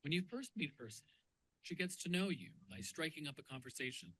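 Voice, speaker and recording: A man narrating a promotional video in a smooth, explanatory voice-over. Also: a little high, very animated, brisk, bright, forceful tone, rough recording.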